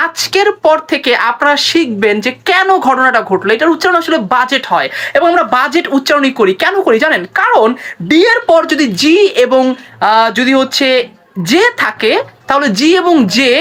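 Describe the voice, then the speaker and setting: Woman, high voice, pronunciation teacher, slow repeated drills, asks viewers to repeat after her. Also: a bit bright. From Bangladesh. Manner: repeats words slowly, drills viewers, urges sharing. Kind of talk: short-video pronunciation lesson.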